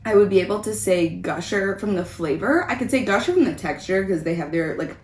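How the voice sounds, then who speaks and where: A woman's voice: medium pitch, animated, a little fast. A woman giving a casual, chatty food review as host of a taste test vlog. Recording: roomy echo, background noise.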